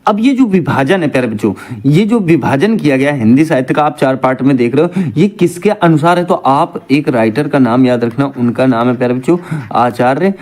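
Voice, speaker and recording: A man's voice: medium pitch, animated, fairly quick, a little mellow. A man teaching an exam-prep lesson, asking his students questions and answering them himself.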